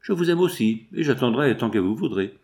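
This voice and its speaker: A man reading as a gentle young seamstress. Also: mid-range voice, expressive, a little fast, natural voice. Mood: tender, pleading. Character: young woman seamstress, patient and loving.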